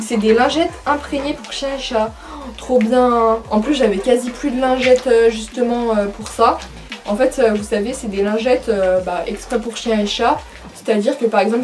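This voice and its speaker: A young adult woman with a fairly high voice unboxes a monthly pet box. She chats casually, full of fillers and excited asides.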